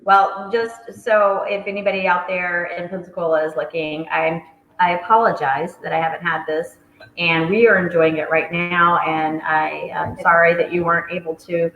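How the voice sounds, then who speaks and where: A woman's voice: fairly low pitch, steady tone, moderate pace, echoey room, highs cut off, slight background noise. A woman hosting a virtual wine tasting, apologetic and upbeat as she chats. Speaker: wine shop host. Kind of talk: casual virtual tasting chat.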